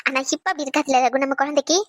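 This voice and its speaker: A woman plays a cartoon's young expectant wife, jealous of her unborn daughter and teasing her husband, in a very high, rapid but natural voice with a level tone. The recording is dry and close. Her manner goes from playful to scolding to tender, with a tender, wistful mood.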